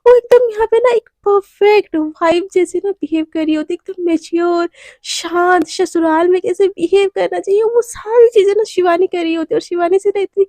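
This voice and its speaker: A woman's voice: extremely high pitch, normal speed, mellow, no echo. A young woman telling a romance story in a casual, chatty way, lightly acting out each character.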